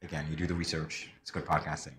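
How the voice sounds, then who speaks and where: A man's voice: very deep voice, flat delivery, quick pace, a bit bright. A man hosting a talk show, interviewing in a casual conversational style. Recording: clear background noise.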